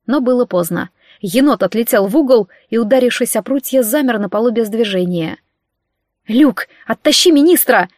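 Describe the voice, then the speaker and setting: A woman with a fairly high voice narrates a fantasy story in the first person, reading with lively, dramatic expression. The recording is dry and close, with no room sound. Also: a little fast, no echo. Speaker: audiobook narrator.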